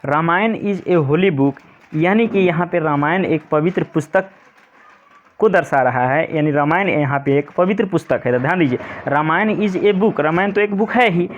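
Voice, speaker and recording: A male teacher explaining an English grammar lesson to pupils, patient and repetitive. He reads the English example sentences slowly, word by word. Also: a little high, muffled recording, slight background noise. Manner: repetitive, patient, keeps saying "pay attention".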